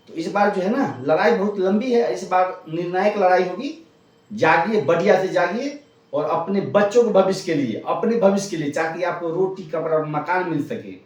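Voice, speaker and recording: A man delivers a fired-up political talk straight to his audience, hammering points home through repetition. His voice sits a little high, and he sounds set back from the mic in a strongly echoing room. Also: recorded from a distance, lo-fi sound. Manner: impassioned, exhorting, repeats phrases for emphasis. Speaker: political commentator. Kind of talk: casual political monologue to viewers.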